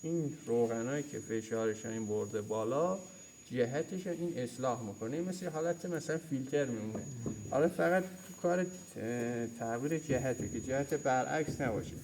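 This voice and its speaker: A man's voice: mid-range voice, expressive, a little mellow. Man teaching in a noisy workshop. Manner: explains by pointing at parts, repeats key terms. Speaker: mechanics instructor. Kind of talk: hands-on workshop lesson. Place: auto repair workshop.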